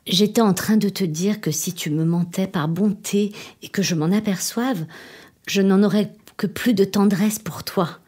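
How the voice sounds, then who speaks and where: A woman's voice: mid-range voice, slow, vocal fry, pauses often, mellow, breathy edge, exaggerated voice. An actress reading a theatre monologue as a desperate woman pleading on the phone with her departing lover, often sinking to a trembling whisper. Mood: tender, heartbroken.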